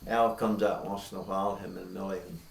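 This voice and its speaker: A man's voice: deep voice, level tone, brisk, creaky, a little hiss or hum. The voice is an older American man speaking with a folksy cowboy twang. He tells tales and recites cowboy poetry in plain rural speech. The recording is roomy and echoey, with the microphone a little way off from him. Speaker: cowboy poet. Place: inside an old log barn. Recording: roomy echo, distant microphone.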